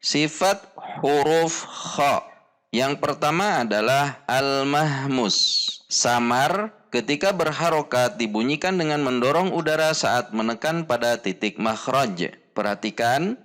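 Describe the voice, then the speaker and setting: Indonesian man, mid-pitched, very slow and careful, teaching pronunciation step by step. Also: expressive, a bit bright. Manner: slow, deliberate, demonstrates sounds repeatedly. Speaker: Quran reading teacher. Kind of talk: slow instructional lesson with pronunciation drills.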